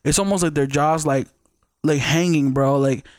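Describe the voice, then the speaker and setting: A man's voice: fairly high pitch, steady tone, normal speed, darkish tone, no echo, studio quality. A young man hosting a casual podcast, a native Spanish speaker raised near the Mexican border, joking and teasing his guest. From born in Los Angeles, raised in Baja California. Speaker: podcast host.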